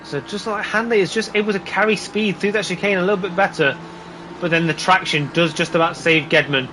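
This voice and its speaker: A man doing live motorsport commentary, calling the race play by play in an excitable, exclaiming way. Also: high voice, a little fast, noisy background. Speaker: motorsport commentator on a sim racing broadcast.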